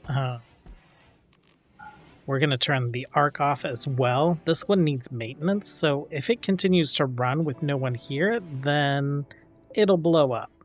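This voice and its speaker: A man hosting a let's play, calmly thinking aloud with frequent fillers as he plays a strategy game. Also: a little high. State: hiccups. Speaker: gaming channel host.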